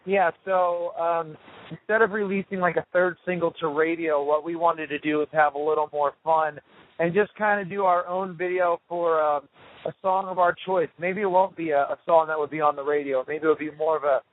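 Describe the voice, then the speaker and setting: A man in a band, talking casually over the phone from a tour RV, relaxed and rambling with lots of fillers. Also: fairly high pitch, moderate pace. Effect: heard over a phone line. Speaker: touring rock band member interviewed as guest. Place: tour RV on the road. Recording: tinny phone line.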